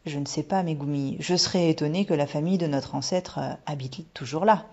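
A woman's voice: deep voice, brisk, slightly rough. A woman doing a playful, teasing mother. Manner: warm, teasing, mysterious. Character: gentle playful mother with a secret. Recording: dull lo-fi recording.

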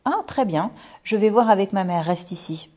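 A small curious boy, friendly and quick, as a woman puts him on. The voice is high and a little husky. The recording is dull and lo-fi. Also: lively intonation, dark tone.

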